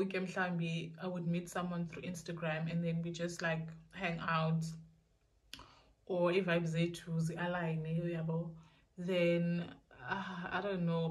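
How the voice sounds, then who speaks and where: Rambling young South African woman, slightly low. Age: young adult. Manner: rambling, repeats herself. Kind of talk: casual question-and-answer vlog. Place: small indoor room.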